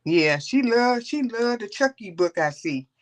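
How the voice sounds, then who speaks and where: A woman's voice: a little high, animated, measured pace. A woman hosting a casual coloring livestream, rambling and chatting with her viewers. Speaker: livestream host.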